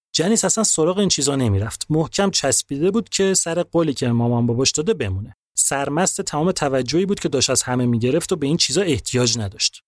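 A man narrating a podcast story in a casual, lively, colloquial way. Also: on the high side, dry recording, clean studio sound.

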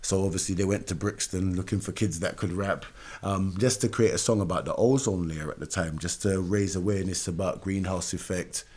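Dark-voiced South London man, casually storytelling. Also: sits low, steady tone, brisk, slight background noise. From London, England. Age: middle-aged. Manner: informal, slangy. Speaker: music label founder and youth mentor.

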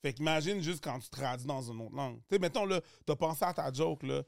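A man's voice: a little high, a little fast, gravelly, dry recording, clean studio sound. A man with a Québécois French accent, chatting casually on a podcast as a comedian guest and slipping into English accents. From Quebec. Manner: animated, switches into English accents.

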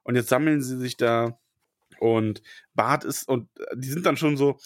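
A man talks casually as a podcast co-host, hesitant and full of fillers and restarts. His voice sits at an ordinary pitch. The recording is dry and close, with no room sound. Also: a little slow, dry recording. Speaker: podcast co-host discussing a book. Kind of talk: casual chat.

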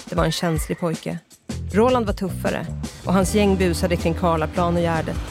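A woman's voice: fairly low pitch, steady tone, gravelly, over music. A reader voicing a polite, chatty middle-aged woman shop owner. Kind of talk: audiobook character voice.

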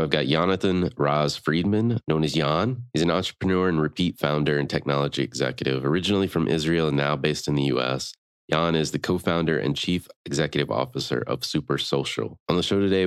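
Very deep-voiced male podcast host. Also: clear, resonant tone, no room sound, studio quality. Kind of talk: podcast ad reads and interview.

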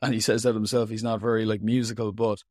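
A man's voice: on the low side, little pitch movement, fast, a little mellow, no room sound, clean studio sound. A man with an Irish accent giving an interview as a writer, talking in an informal, rambling, reflective and self-deprecating way. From Ireland. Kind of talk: casual, reflective interview talk.

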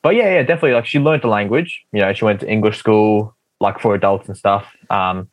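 On the low side and fast, this young man's voice comes through with no room sound. He's an Australian guest athlete, a native Russian speaker, chatting casually on a podcast in an easygoing, rambling manner full of fillers.

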